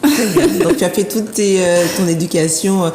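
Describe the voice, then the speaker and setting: A woman's voice: mid-range voice, animated, normal speed. A woman hosting an interview, chatty and playful, repeating herself as she talks. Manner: warm, chatty, playful teasing with repeated words. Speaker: talk show host. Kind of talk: casual interview. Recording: echoey room with faint background noise.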